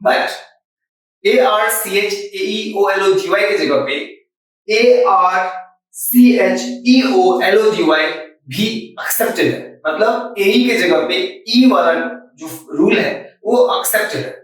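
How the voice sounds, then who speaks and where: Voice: medium pitch, takes it slowly, very echoey, distant mic, low-quality recording. A Hindi-speaking teacher explains English spelling rules, spelling words out letter by letter and mixing in English terms. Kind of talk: spelling lesson.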